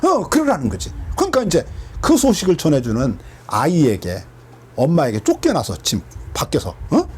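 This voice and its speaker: Lively pastor teaching with questions. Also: male voice, on the high side, moderate pace, a little hiss or hum. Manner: animated, asks the listeners questions and answers them. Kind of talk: Bible teaching.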